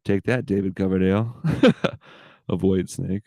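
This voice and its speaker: A man in his thirties hosts his own casual podcast, rambling from one thought to the next, swearing freely and tossing in "dude" constantly. His voice sits a little low with a gravelly fry. The recording is dry. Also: a little slow, darkish tone, dry recording. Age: 30s. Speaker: podcast host.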